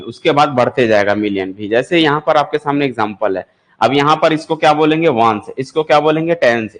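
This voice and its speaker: A man teaching maths for exam preparation, explaining step by step and asking his students questions before he answers them. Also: fairly high pitch. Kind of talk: classroom lecture for exam prep.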